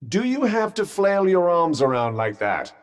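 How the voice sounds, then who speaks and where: Cuff, a pompous, reverberant British magical cuff. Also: male voice, sits high, big pitch swings, normal speed. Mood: dry sarcasm. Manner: pompous, dry, sardonic, wordy. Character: sentient magic cuff, droll, haughty, fussy male companion. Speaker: video game voice actor. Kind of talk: scripted game character banter. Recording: long reverberant echo on the voice.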